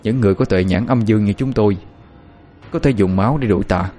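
A man voicing a calm, cunning young man who speaks coldly and with authority. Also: on the low side, fast, faint music behind, lightly acted. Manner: calm, cold, commanding.

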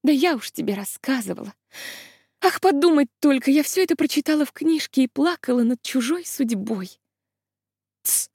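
A woman's voice: high-pitched, normal speed, no echo, studio quality. Flavinda, a woman doing a giddy young maid. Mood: excited, gossipy. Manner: breathless excited chatter, gasping exclamations. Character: young maid in a country pageant, romantic, excitable. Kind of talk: acted audiobook reading.

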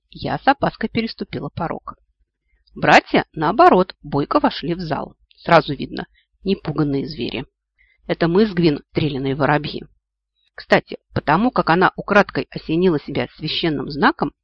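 A man's voice: on the high side, slightly rough, no echo. A man reading a first-person fantasy audiobook with wry, ironic asides. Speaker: audiobook narrator. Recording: dull lo-fi, dry.

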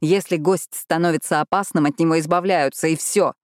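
A woman voicing a calm, selfish male vampire in an audiobook, speaking slowly and evenly. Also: sits low, dry recording, clean studio sound, close to an everyday voice. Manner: calm, measured, slow.

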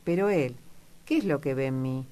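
A lovestruck young girl, giddy and eager, her voice lifting a little as she exclaims in a low, tinged tone, as a woman reads her aloud in a storybook. Her lines tumble out in breathless, earnest bursts. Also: lively intonation, moderate pace, warm tone. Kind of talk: audiobook character reading.

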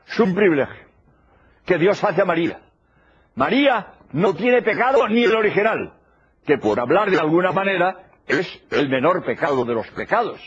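A man's voice: high-pitched, slightly rough. An older man giving a religious lecture, emphatic and repeating his key phrases. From Spain. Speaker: preacher. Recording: dull lo-fi old tape recording.

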